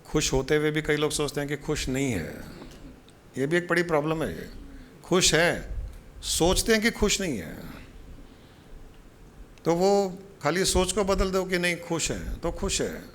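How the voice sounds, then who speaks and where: A man's voice: a little high, big pitch swings, measured pace, pauses often, a little hiss or hum. A man speaking as a spiritual guru, giving a casual devotional talk with a folksy, joking storytelling manner.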